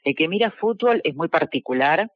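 A woman's voice: deep voice, lively intonation, normal speed, dry recording. Confident Argentine woman, dull dry sound. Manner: confident, reflective, frequent "este" fillers. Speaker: football commentator. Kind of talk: interview answers.

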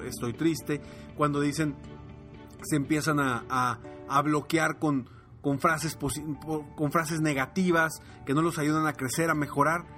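A man hosting a podcast as a business coach, giving a motivational talk and acting out voices as he tells stories. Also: on the high side. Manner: animated, acts out his children's voices. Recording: music bed underneath.

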